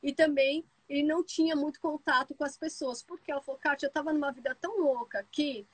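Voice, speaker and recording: A woman with a Brazilian Portuguese accent hosting a live stream, telling stories fast and full of asides. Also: high voice, no room sound, poor audio. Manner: lively storyteller, talks fast with many asides. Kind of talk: casual live chat.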